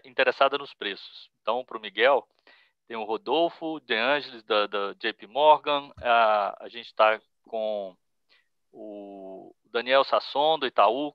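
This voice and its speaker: A man's voice: medium pitch, clear, resonant tone, dry recording, highs cut off. A man moderating an earnings conference call, relaying analysts' questions and reading out their names.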